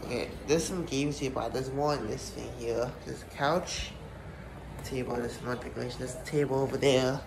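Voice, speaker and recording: Touring a rental house's kitchen and living room, a man films on a handheld phone while walking and narrates casually. His mid-range voice is creaky with fairly even intonation, and he rambles haltingly with lots of fillers and restarts. Loud handling noise and clicks are audible.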